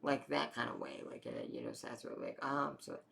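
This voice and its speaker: Gravelly young man telling a rambling story. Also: medium pitch, level tone, fast talker, fairly bright tone. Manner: rambling, full of fillers and swearing. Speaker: vlogger telling his health story. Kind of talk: casual personal storytelling.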